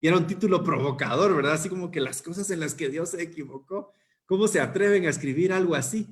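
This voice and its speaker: A man preaches at a youth service. His voice sits somewhat high for a man, and he keeps a conversational tone with rhetorical questions and small restarts. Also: fast talker. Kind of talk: sermon.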